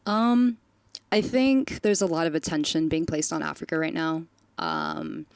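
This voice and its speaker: A woman's voice: low voice, gravelly, darkish tone, no echo. A woman guest speaking earnestly and with emphasis in a casual conversation. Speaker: guest, cultural producer.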